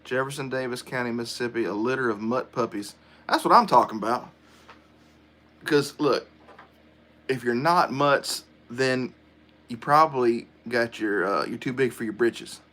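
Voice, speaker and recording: A man's voice: medium pitch, normal speed, a bit bright. A middle-aged man, chatting casually on a livestream and answering viewer comments aloud. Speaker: livestream host.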